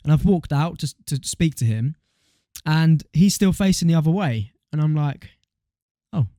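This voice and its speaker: A young British man chatting casually as a podcast co-host. His voice sits a little high but sounds mellow and relaxed. The sound is dry and close, with no room around it. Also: normal speed, no room sound. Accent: British English. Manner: laid-back slangy storytelling with fillers. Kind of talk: casual chat.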